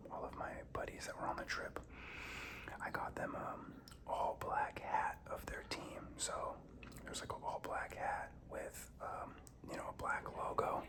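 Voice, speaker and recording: A young man telling casual stories as an ASMR host in a breathy, halting whisper while chewing gum. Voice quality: breathy whisper with some creak.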